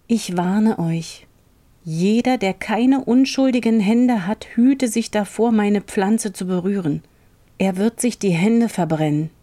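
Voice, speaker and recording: A woman's voice: mid-range voice, takes it slowly, dark tone, close to an everyday voice. A woman voicing a sly young prince who courts with polite, mocking irony, in a storybook reading. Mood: courtly. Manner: polite, teasing, ironically courteous.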